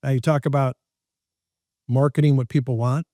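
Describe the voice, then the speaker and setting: Male motivational speaker as podcast guest: mid-pitched, animated, quick to joke, close and dry. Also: no room sound. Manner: lively, jokey, laughs at his own lines. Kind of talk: animated storytelling in conversation.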